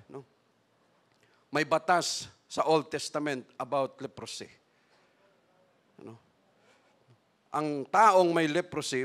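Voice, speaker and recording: A Filipino pastor preaching with a high, bright, ringing voice. He keeps checking in with his listeners and slows down to read scripture before explaining it. At times he climbs into loud, fervent preaching. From Philippines. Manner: mixes Tagalog and English, checks in with the crowd by saying "no?" again and again; reads scripture slowly, then explains it. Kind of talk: sermon.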